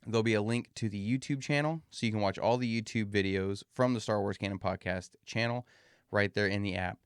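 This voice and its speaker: A man's voice: on the low side, fairly quick, clean tone, no room sound, clean studio sound. A man hosting a solo podcast in an informal, folksy way, talking to listeners with a slightly muffled, swollen-mouth sound. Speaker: podcast host.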